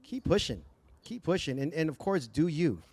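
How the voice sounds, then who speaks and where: Hyped dj guy hosting a stream, kinda high voice, dry sound, keeps saying stuff is dope. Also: very animated, fairly quick, a little mellow, slightly rough, dry recording. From United States. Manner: hyped, repeats praise like "very dope". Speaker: livestream DJ host. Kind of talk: casual interview on a livestream.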